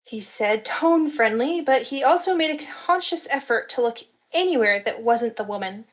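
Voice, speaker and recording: Woman narrating a fantasy story live, steady reading, slightly high voice. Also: normal speed, rough recording.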